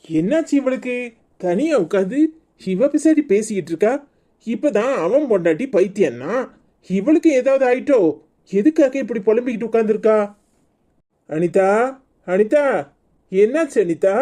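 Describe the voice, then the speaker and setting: A woman's voice: medium pitch, dark tone. A woman voicing a proud, defensive middle-aged husband in a cartoon, with a Kanyakumari Tamil accent. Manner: complaining, defensive. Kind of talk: cartoon voice acting.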